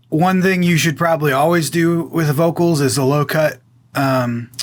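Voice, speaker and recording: A guest audio engineer with a boomy voice explains audio mixing in a relaxed, casual way, often pausing with fillers.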